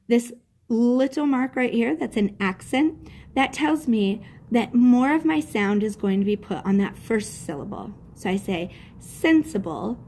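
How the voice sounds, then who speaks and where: A woman's voice: mid-range voice, a little mellow, slight background noise. A woman teacher giving a patient classroom lesson, spelling out words letter by letter as she explains a step.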